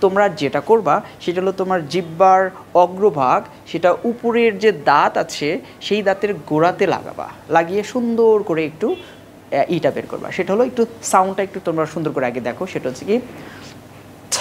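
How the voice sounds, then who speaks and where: A woman with a Bangladeshi accent teaching a pronunciation lesson, speaking directly to her students and slowly drilling words and phrases over and over. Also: fairly low pitch, a little hiss or hum. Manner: slow drilled repetitions, addressing students directly.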